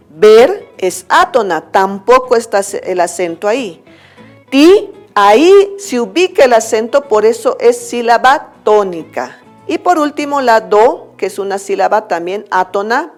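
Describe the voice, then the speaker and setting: A woman teacher with a Bolivian accent, giving a recorded school lesson step by step and often checking in with her students. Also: a little high. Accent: Bolivian Spanish.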